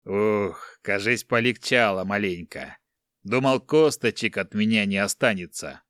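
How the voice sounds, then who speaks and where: A man voicing a gruff giant barbarian who drawls slow, loud and folksy mockery in an audiobook. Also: fairly low pitch, no echo, studio quality. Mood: mocking.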